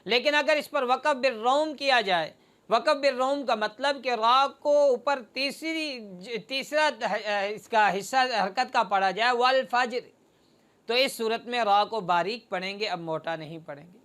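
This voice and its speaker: A teacher works through the rules one numbered point at a time, stretching each example word into a slow chant. The voice is smooth and resonant, sitting at an ordinary middle pitch, and the delivery stays even and instructive throughout. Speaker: Quran recitation teacher. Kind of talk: explanatory lesson on recitation rules.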